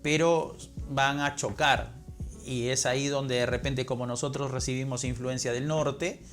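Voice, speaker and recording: A man's voice: mid-range voice, fairly even intonation, measured pace, a bit bright. Man, Peruvian Lima accent, professor, didactic, rhetorical questions, faint background music. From Peru. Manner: didactic, asks and answers his own questions. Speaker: literature professor, interview guest. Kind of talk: explanatory interview talk.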